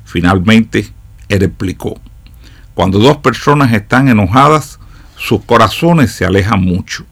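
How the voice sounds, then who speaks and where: A male radio commentator telling a reflective story in a slow, measured way. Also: on the low side, expressive, vocal fry, fairly bright tone, slightly rough.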